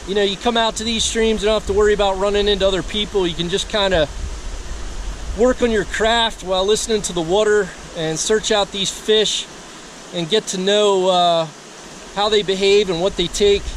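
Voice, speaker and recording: A man in his forties with a high voice speaks to a camera held at arm's length. He sounds relaxed and rambles, with plenty of ums and uhs. Faint outdoor hiss sits under his voice beside a forest stream. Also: poor audio. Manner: relaxed, rambling, many fillers. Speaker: fly fishing vlogger. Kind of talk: casual talk to camera.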